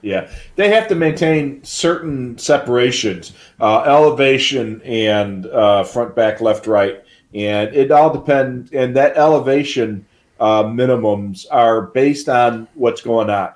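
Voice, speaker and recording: A man's voice: mid-range voice, slow pace, a little mellow. A man co-hosting a live stream, explaining in a casual, rambling way with many fillers. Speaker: livestream co-host.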